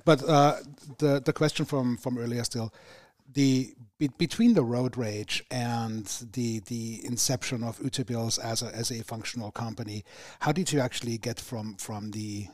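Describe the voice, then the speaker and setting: A man's voice: medium pitch, fairly even intonation, normal speed, no echo. Chatty male podcast host, dry sound. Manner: chatty, rambling with self-corrections. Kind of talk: casual podcast interview.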